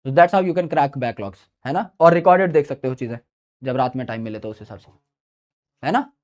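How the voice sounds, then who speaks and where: A man's voice: mid-range voice, expressive, normal speed, darkish tone, muffled recording. Chatty man coaching exam students. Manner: chatty, mixes Hindi with English phrases, calls listeners "brother". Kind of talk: informal advice talk to students.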